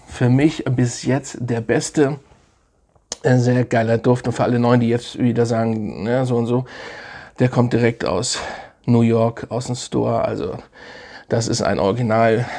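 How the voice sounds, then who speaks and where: A man's voice: mid-range voice, dark tone, breathy edge. A middle-aged man reviewing fragrances in a casual, enthusiastic way, often repeating his praise. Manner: enthusiastic, repeats words like 'sehr, sehr nice'.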